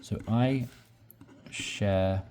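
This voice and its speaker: A man teaching English, slowly explaining sentence patterns and repeating examples with patience. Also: on the low side, a little mellow, slight background noise. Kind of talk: slow explanatory lesson.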